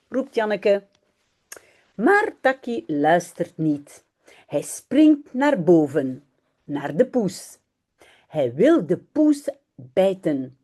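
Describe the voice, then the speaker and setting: A woman teaching Dutch and reading a children's story aloud in a clear, teacherly way. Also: medium pitch. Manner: animated, clear teacherly delivery.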